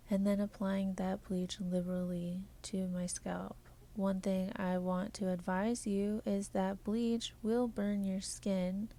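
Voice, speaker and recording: Soft-spoken woman narrating a hair tutorial. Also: medium pitch. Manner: soft, half-whispered instructional delivery; flat and measured at first, then quicker and chattier. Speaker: beauty vlogger.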